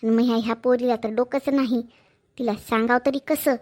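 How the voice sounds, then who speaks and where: Casting note: woman as a sharp-tongued, scheming village mother-in-law, voice sits high, scolds nonstop. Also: fairly even intonation, brisk, close to an everyday voice. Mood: scornful. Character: harsh scheming middle-aged mother-in-law. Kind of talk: Marathi village family drama acting.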